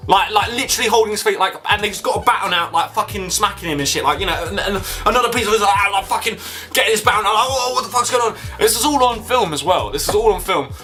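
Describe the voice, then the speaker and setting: Young man, high voice, bright tone, casual vlog, rambling and sweary. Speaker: vlogger. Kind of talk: casual chat to camera.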